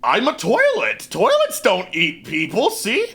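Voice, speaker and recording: A man's voice: high-pitched, huge pitch swings, unhurried, bright, forceful tone, breathy edge, heavily acted. A man voicing an indignant, pleading toilet mimic monster in an improvised tabletop game. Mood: defensive, pleading. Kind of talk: improvised tabletop role-play.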